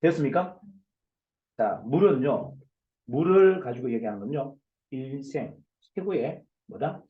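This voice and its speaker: A man, a company CEO, giving a forceful motivational lecture over a video call, loud and emphatic, firing off rhetorical questions. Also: fairly high pitch, roomy sound, highs cut off. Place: online video session.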